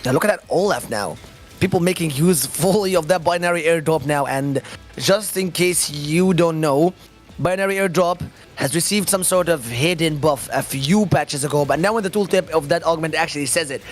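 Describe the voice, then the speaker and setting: A man doing live esports commentary, excitable, explaining the game's mechanics. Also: on the high side, moderate pace, faint music behind. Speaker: esports caster.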